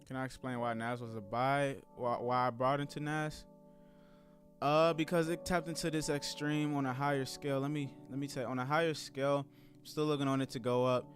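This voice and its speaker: A man's voice: mid-range voice, flat delivery, a little fast. Thirty-ish guy rambling on a live stream, easygoing, calls everyone y'all, bit of music going behind. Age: 30s. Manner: laid-back, rambling, addresses viewers as y'all and guys. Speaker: trading streamer. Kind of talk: casual live-stream chat.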